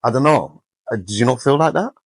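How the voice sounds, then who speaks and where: A man's voice: mid-range voice, animated, a little fast, husky, dry recording, rough recording. A man, talking casually and colloquially as a podcast co-host, giving his opinions.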